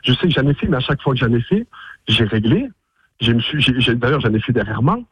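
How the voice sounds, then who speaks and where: A man's voice: medium pitch, very animated, quick pace, breathy edge. A man on the phone, stammering and protesting at length, heard over a lo-fi phone line. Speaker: prank call target. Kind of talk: phone conversation. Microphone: telephone.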